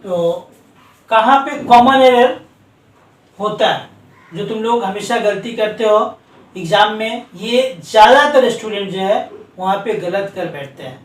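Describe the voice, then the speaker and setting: A man teaches English grammar in a very high-pitched voice. He quizzes his students as he goes and spells words out letter by letter. The sound is roomy and a little distant, as if recorded from across a classroom. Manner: keeps asking students rhetorical questions, spells letters out slowly. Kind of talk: classroom lesson explaining spelling rules. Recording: echoey room, voice from a distance.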